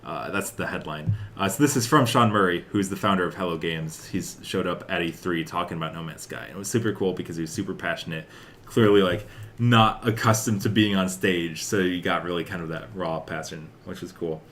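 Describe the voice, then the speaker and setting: A young male podcast host with a deep, slightly bright voice talks a little fast over slight background noise. He chats casually about video game news, rambling and peppering his speech with "like" and "uh."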